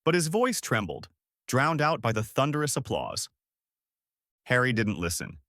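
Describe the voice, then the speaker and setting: A man's voice: medium pitch, sing-song, normal speed, a bit bright, dry recording, studio quality. A man reading a dramatic scripted story as its narrator.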